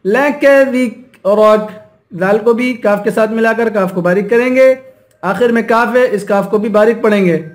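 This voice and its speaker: High-voiced man chanting slow recitation. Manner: recites slowly in a sung chant, then explains rules quickly in a lower voice. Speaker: Quran teacher. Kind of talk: slow melodic recitation with explanations.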